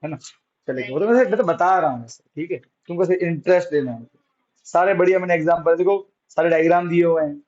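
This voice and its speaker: A man teaching physics to a class, with a fairly high voice. He keeps asking questions, then answers them himself in a coaxing way. The classroom recording sounds dull and lo-fi. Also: fast talker, darkish tone. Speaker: science teacher.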